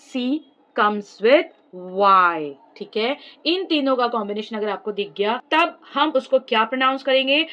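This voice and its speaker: A woman with an Indian accent teaches pronunciation in a classroom style, mixing two languages and asking questions she then answers herself. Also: a little high. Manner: asks and answers her own questions. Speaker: English teacher. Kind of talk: classroom-style explanation mixing Hindi and English.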